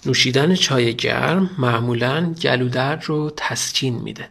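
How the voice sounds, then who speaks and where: A man teaching English vocabulary, explaining in short steps and slowing down to read example sentences. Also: mid-range voice, gravelly, a bit bright. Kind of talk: vocabulary lesson.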